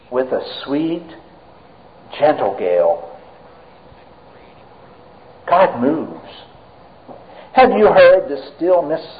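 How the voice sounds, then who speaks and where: A pastor preaching a sermon, swinging dramatically between loud and hushed and asking the congregation questions. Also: male voice, on the high side. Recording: tinny, phone-like sound with long hall reverb.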